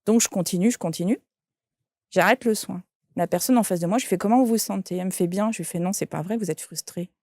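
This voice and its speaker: A woman's voice: mid-range voice, quick pace, a little mellow, no echo, clean studio sound. A woman, a shaman and medium, telling an anecdote in an interview and quoting the people in it. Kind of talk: interview storytelling.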